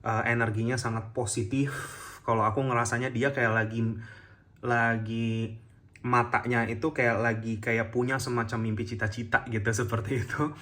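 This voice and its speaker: A man giving a casual, chatty tarot reading to camera, gentle and full of fillers and soft laughs. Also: medium pitch, little pitch movement, moderate pace. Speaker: tarot reader.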